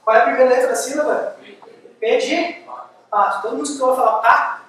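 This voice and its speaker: A man giving a university lecture, lively and firing quick questions at the audience. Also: very high voice. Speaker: guest lecturer. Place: large lecture hall. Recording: echoey hall, distant mic, faint hiss.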